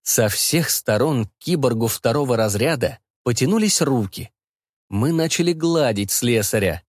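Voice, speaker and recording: A man reads a story aloud with lively, animated intonation. His voice sits at a middle pitch, and the recording is dry and close to the mic. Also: normal speed, dry recording. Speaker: audiobook narrator. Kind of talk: expressive audiobook narration.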